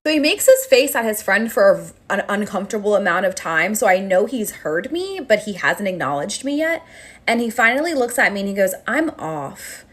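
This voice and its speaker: A married woman telling a story in an indignant way, acting out quoted lines with big pitch jumps. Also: sing-song, a little fast, a bit bright. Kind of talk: casual storytelling.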